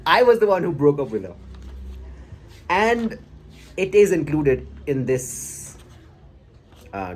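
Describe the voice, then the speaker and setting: A young man with an Indian accent talks casually and haltingly, reflective and a little self-conscious as he shares his old diary. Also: a little high, a little mellow. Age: young adult. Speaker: vlogger. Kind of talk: casual personal storytelling, reading from an old diary. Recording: clearly audible background noise.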